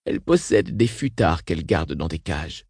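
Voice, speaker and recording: A frail, weakened old sister, read by a man, recounting horrors in a flat, unshaken tone. The voice is dark and mellow, recorded dry and close in an audiobook reading. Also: sits low, moderate pace, breathy edge, no echo, pitched below the performer's own voice, full character voice. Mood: grim.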